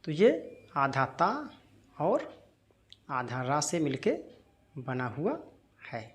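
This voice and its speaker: A man teaching Hindi spelling in a lesson, who asks his own questions, answers them, and repeats the words slowly. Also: mid-range voice, sing-song.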